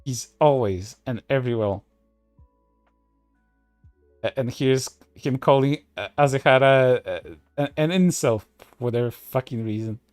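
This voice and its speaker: A man's voice: mid-range voice, measured pace, a little mellow, dry recording, soft background music. A man commenting on online posts in a sarcastic, profane way, with many fillers and restarts. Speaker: streamer.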